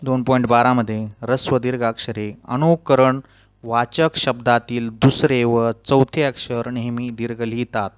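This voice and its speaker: A man teaching a grammar lesson, reading out rules one by one and spelling out the example words slowly. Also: mid-range voice, fairly even intonation, clean tone. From Maharashtra.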